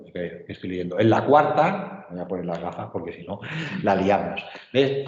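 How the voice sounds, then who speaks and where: This literature teacher, speaking to an online class, has a low-sitting voice with a darkish tone. He's patient, checking understanding through frequent tag questions, and the audio comes across as dull, roomy and full of echo.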